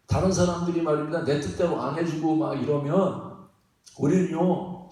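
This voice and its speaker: A man preaching in a church sanctuary, his fairly high voice swinging up and down with every phrase. He talks in a folksy, repetitive way, chuckles between lines and keeps prodding the congregation for a reply. The sound comes from a distance, with heavy echo off the hall. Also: gravelly, a little mellow. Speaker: pastor. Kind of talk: sermon. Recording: very echoey hall, mic at a distance.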